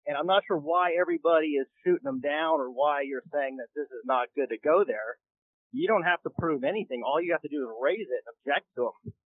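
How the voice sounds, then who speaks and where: A man's voice: fairly high pitch, brisk, no room sound. A man calling in to a radio show on his phone's speaker while driving, explaining his points earnestly and checking in with "okay?" as he goes. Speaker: caller. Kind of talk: call-in radio caller. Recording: tinny dry phone line.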